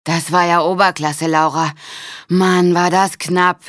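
A woman's voice: lowish voice, flat delivery, a little slow, fairly bright tone, dry recording, clean studio sound. A woman voicing an agitated boy who speaks up in a raised, upset voice. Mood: relieved. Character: agitated boy, the girl's brother.

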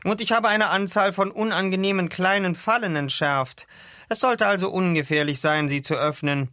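A man reading aloud and voicing a calm, precise male ship's doctor who explains things carefully. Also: high voice, moderate pace, no echo, studio quality, pitched above the performer's own voice.

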